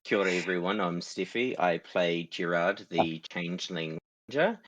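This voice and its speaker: A man's voice: low-pitched, lively intonation, normal speed, fairly bright tone, no echo. A man introducing his character in a plain, slightly hesitant way. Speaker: player, early childhood educator. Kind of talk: casual self-introduction.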